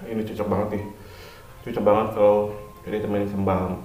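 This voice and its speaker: Low, flat-voiced man chewing while talking. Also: fast, echoey room, far from the mic, a little hiss or hum, rough recording. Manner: chatty, enthusiastic about the taste. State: mouth full, chewing. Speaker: mukbang host. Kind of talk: casual food review to camera.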